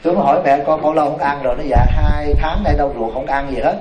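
A man, a Buddhist monk telling a story in a dharma talk, animated and speaking straight to his listeners. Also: on the high side, fast, lo-fi sound. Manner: animated, addresses the audience directly. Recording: echoey room, mic far off, noisy.

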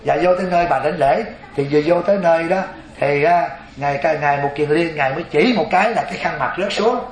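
A man, a Buddhist preacher telling a story in a lively sermon, asking his audience questions. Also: a little high, quick pace, roomy sound.

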